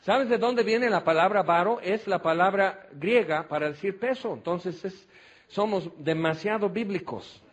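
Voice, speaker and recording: A Mexican man preaching a sermon, switching between quiet scripture reading and excited, folksy storytelling. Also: unhurried. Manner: animated, shifts from low quiet scripture reading to excited shouting; conversational, folksy storytelling with fillers like "este".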